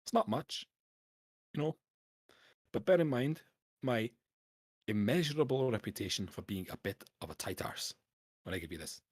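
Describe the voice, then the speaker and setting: A man voicing a stingy, gruff male merchant with a Scottish accent that drifts toward Irish. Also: mid-range voice, animated, normal speed, long pauses, darkish tone, no echo, studio quality. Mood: gruff, hearty.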